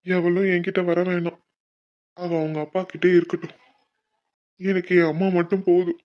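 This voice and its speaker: A woman's voice: on the low side, flat delivery, normal speed, lo-fi sound, natural voice. A woman voicing an angry young male college student who pleads hotly for his mother's honour. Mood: bitter. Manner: heated, pleading.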